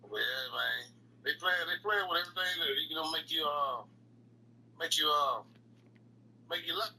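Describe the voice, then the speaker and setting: A man with a co-hosts a casual stream, often answering in short agreeing words. His voice is high and very sharp in tone, with a husky, raspy edge. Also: normal speed, poor audio. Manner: agreeable, drops brief "right" replies. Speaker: co-host. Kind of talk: casual live stream chat.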